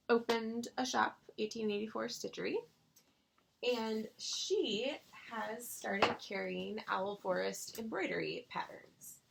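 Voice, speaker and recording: A woman chatting casually to her viewers about her stitching, gushing with excitable bursts and rambling restarts. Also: a little high, vocal fry, noisy background. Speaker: cross-stitch vlogger.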